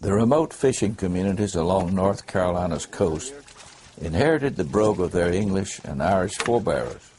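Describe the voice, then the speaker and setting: Male narrator, low voice, mellow dark tone, measured scripted delivery. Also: expressive, slight background noise. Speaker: documentary narrator.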